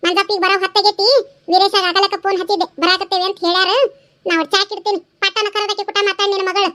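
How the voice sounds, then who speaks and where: A bossy village mother, voiced by a woman in a cartoon, with a very high, bright voice and brisk, scolding talk. She rattles along quickly in a North Karnataka Kannada accent. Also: level tone. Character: middle-aged village mother, blunt and bossy. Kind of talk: cartoon voice acting.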